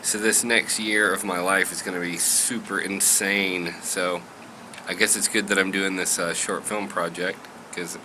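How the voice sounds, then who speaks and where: Man, vlogger, low pitch, bright sharp tone, chatty, self-deprecating, faint room noise. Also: low-quality recording. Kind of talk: casual daily vlog chat.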